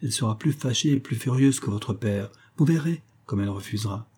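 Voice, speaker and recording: Un homme lisant à voix haute incarne un jeune séducteur calculateur qui presse et persuade avec insistance. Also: male voice, fairly low pitch, brisk, a little mellow, slightly rough. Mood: persuasive. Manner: insistent and coaxing.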